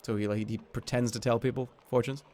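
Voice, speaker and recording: This game streamer speaks fairly quickly in a dark, medium-pitched voice with little pitch movement. He reads the story text aloud as narration, switching casually to offhand asides.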